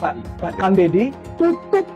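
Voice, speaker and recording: A man's voice: sits high, very animated, unhurried, highs cut off, faint music behind. A man giving casual commentary, stammering and restarting, ending his points with a casual tag.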